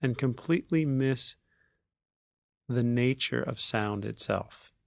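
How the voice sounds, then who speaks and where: A male teacher guides a meditation in unhurried, measured phrases broken by long pauses. His mid-range voice carries vocal fry, and the recording is dry with clean studio sound.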